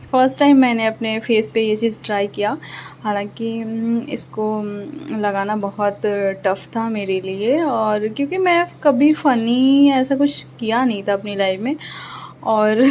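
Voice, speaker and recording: Slow-talking young mother vlogging. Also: a little high, a little mellow, a little hiss or hum. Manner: chatty, explains each step. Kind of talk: casual vlog narration.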